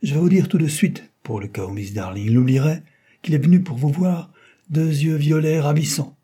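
A man voicing a mischievous mechanic in an audiobook, raising his pitch for cheeky banter. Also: moderate pace, warm tone, husky.

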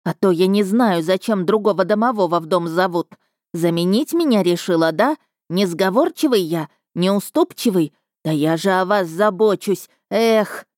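A woman's voice: on the low side, moderate pace, a little mellow, no room sound, clean studio sound, close to an everyday voice. A woman voicing a grumpy, touchy male house spirit in an audiobook, sulky and sniffling. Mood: wailing. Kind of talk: audiobook character voice.

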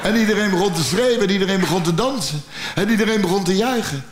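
A man with a Dutch accent doing stand-up storytelling, blunt and profane with a deadpan delivery. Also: high-pitched, fast talker, roomy sound. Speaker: stand-up comedian.

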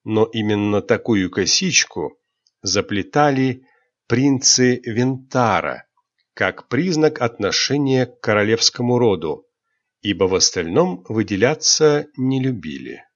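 A man narrating a novel as an audiobook, in a calm, measured reading, in a slightly dull recording. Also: on the low side. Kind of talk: scripted narration.

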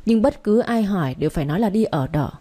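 A woman reading the part of a gruff middle-aged man who heads the household and speaks in a bossy, scolding way, in a narrated story. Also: mid-range voice, expressive, fast, warm tone, lightly acted. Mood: calm.

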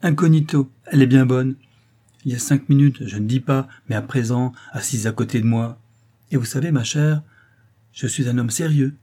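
A man voicing a jovial, excitable young man-about-town who talks eagerly and exclaims a lot. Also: medium pitch, normal speed, natural voice.

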